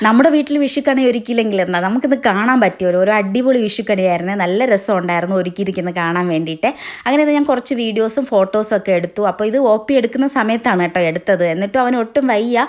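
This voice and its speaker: Fast-talking Malayali woman vlogger. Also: mid-range voice, a little mellow. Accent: Kerala Malayalam. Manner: chatty, tags sentences with "kettoo". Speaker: family vlogger. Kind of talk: casual vlog narration.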